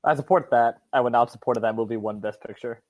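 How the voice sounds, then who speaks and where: A man's voice: mid-range voice, fast. Dry, sarcastic man co-hosting. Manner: dry, sardonic quips. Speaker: podcast co-host. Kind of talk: casual chat.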